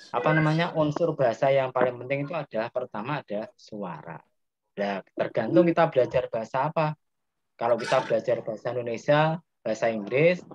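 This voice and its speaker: A man's voice: mid-range voice, a little hiss or hum. Javanese man teaching, lo-fi sound. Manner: asks students questions, explains step by step. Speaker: Islamic grammar teacher. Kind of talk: interactive classroom lesson.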